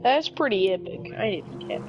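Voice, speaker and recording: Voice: medium pitch, expressive, normal speed, highs cut off, music in the background. A friend with a nasal voice, joking sarcastically during a casual game session on voice chat.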